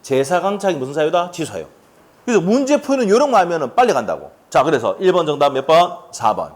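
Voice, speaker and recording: A man's voice: on the high side, sing-song, fast. A middle-aged man teaching an exam-prep law lecture, firing rhetorical questions and chatty asides at his students.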